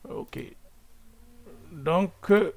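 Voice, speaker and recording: A man walks through a coding tutorial at an unhurried pace, his voice sitting a little high. He thinks aloud as he works, restarting sentences and filling pauses, and keeps checking in with his viewers. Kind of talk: screen-recorded coding lesson.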